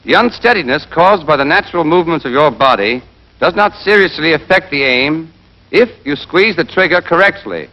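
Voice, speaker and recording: On a dull, band-limited 1940s film soundtrack, a man plays a brisk, exacting American army rifle instructor in a scripted training film, drilling and quizzing emphatically. His voice sits high and sounds pushed and bright.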